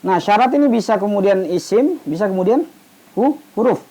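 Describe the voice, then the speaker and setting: An Islamic studies teacher gives an informal, explanatory lesson, posing questions and then answering them, often repeating half-said words to finish them. His high voice is mellow with a breathy edge, lively and fairly quick, though the audio quality is poor.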